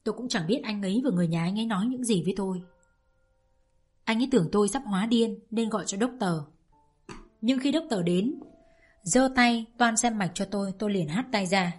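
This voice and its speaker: A woman's voice: mid-range voice, a little fast, breathy edge, faint music behind. Woman reading a novel with feeling. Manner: emotional, expressive storytelling. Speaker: audiobook narrator.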